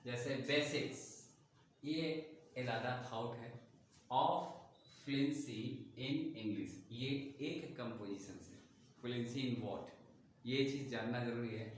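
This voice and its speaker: A man leads a spoken English lesson in Hindi, walking his learners through each point as he writes on a board. His voice sits at an ordinary middle pitch. It rings around a very echoey room, with a faint hiss underneath. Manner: explains step by step, writing on a board, addressing learners directly. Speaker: English teacher.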